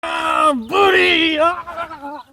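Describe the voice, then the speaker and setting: A man voicing a rowdy male pirate, shouting his lines in a gravelly growl. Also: fairly high pitch, big pitch swings, unhurried, reverberant, distant mic, a little hiss or hum, voice pushed up, exaggerated voice.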